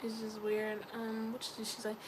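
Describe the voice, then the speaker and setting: A young woman from Philadelphia with a Philly accent rambles casually in a personal vlog, often laughing and mentioning her faith. Her voice is a little high and completely flat, at normal speed, over a noisy background.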